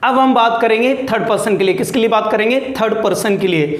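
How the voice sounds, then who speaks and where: High-voiced male English teacher, echoey room. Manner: asks questions and answers them himself, slows right down to say English sentences. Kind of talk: spoken English lesson.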